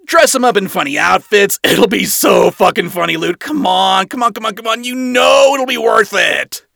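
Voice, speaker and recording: A man voicing a crude, swaggering male archangel commander who shouts and swears. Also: high voice, normal speed, vocal fry, no echo, studio quality, voice pushed up, heavily acted. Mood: rowdy bragging.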